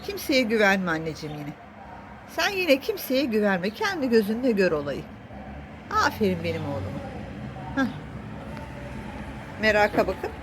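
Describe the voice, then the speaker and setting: A woman's voice: mid-range voice, very animated, moderate pace, pauses often, noisy background. A woman at home talking baby talk to her cats, cooing and teasing them in a sing-song way. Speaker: cat owner filming her cats. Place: at home indoors.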